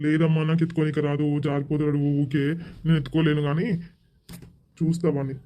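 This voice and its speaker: A woman's voice: deep voice, little pitch movement, a little fast, mellow, voice pushed down, natural voice. A woman voicing a shy grown son who has just become a father, speaking in a hesitant, mumbling way. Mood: bashful.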